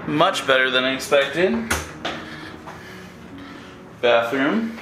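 Holding the camera at arm's length, this southern Californian travel vlogger in his thirties speaks slowly with lively intonation at a medium pitch. Music plays behind him and the recording is low quality. He rambles casually with many fillers, shooting outdoors, in a hotel room, and in a parked van.

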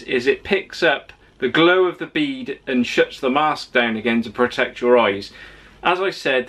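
A plain-spoken man in his forties walks through a product review in his own workshop. He talks in a practical, down-to-earth way and gives direct advice, with a voice of ordinary pitch. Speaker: tool reviewer. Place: home workshop with tools on the wall.

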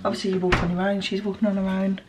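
Racing along at a medium pitch with a level tone, a woman in her thirties with an English accent chats lovingly and casually with her children. She vlogs about family life at home, indoors and in the garden, using a camera microphone that captures noisy handheld audio.

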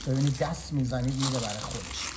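A man with a medium-pitched voice runs a relaxed cooking vlog from an indoor kitchen, bantering with viewers through a clip-on mic. Noise fills the background.

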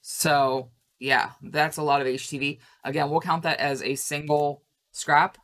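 A woman's voice: sits low, flat delivery, unhurried, fairly bright tone. A woman co-hosting a crafting channel, chatting casually and explaining tips for beginners while unboxing vinyl scraps in a craft room.

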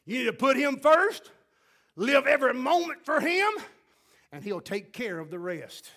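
A man's voice: extremely high pitch, very animated, unhurried. A man preaching a fervent sermon as pastor, often breaking in with exclamations of praise. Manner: fervent, punctuates with "glory to God". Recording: loud guitar music behind.

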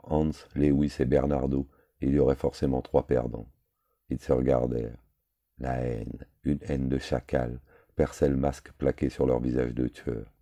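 A man reading a novel aloud in a measured, terse storytelling manner. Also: extremely low pitch, mellow, dry recording, studio quality. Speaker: audiobook reader. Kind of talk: scripted novel narration.

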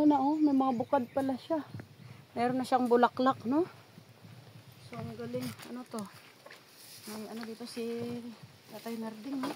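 A woman vlogger chatting casually with her viewers as she walks around a dry farm. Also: on the high side. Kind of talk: casual vlog commentary. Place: outdoors on a dry rural farm. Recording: loud outdoor background noise.

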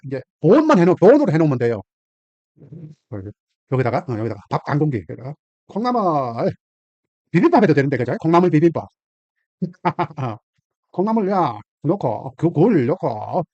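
A middle-aged cooking channel host with a Gyeongsang Korean accent chats with viewers in a casual vlog, exclaiming and laughing a lot. His voice is a little high with a darkish tone, captured dry and lo-fi with a dull sound and no room echo.

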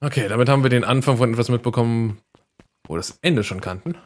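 Give me a relaxed man casually commenting on a game while thinking aloud. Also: mid-range voice, fast talker. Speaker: streamer.

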